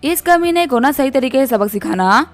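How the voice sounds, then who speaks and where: A woman's voice: high voice, animated, moderate pace, soft background music. A woman voicing an arrogant male office manager who speaks pompously and bossily. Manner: pompous, bossy.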